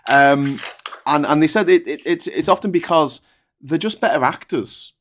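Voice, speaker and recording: A man with a soft Scouse accent hosting a talk show, chatting casually in a blunt, colloquial and opinionated way. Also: a little high, moderate pace. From Liverpool, England. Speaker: live-stream talk show host. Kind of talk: casual chat.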